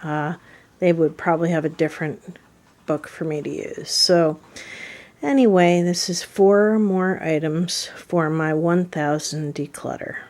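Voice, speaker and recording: Slow, low-voiced chatty woman. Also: darkish tone. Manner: unhurried, chatty, with little laughs. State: out of breath. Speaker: decluttering vlogger. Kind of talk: casual chat to camera.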